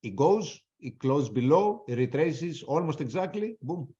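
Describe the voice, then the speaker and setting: A trader presenting a webinar gives blunt, casual live trading commentary and answers audience questions, swearing freely in non-native-accented English. His voice is fairly high, expressive, unhurried, and mellow, heard through dull lo-fi webinar audio.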